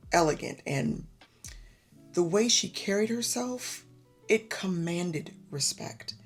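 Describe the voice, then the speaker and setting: A woman vlogger telling a personal story in an animated, effusive way, calling her viewers y'all. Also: lowish voice, husky. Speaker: lifestyle vlogger.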